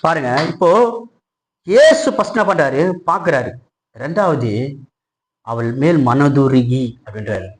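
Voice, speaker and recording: A man preaching a passionate sermon, putting questions to his congregation and building to loud, high-pitched peaks. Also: lively intonation, a little slow, long pauses, slight background noise, poor audio. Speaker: pastor.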